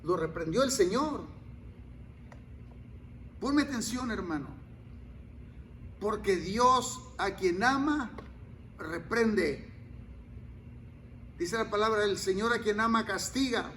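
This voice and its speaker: A male pastor preaching a sermon, dropping to near-whispers and then rising to loud, pleading cries. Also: high-pitched, slow, long pauses, a little hiss or hum. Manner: swings from quiet murmurs to loud cries.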